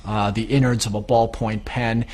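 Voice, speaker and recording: A man, an escape artist, explaining his underwater escapes in a measured, matter-of-fact documentary interview. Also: on the low side, little pitch movement, darkish tone.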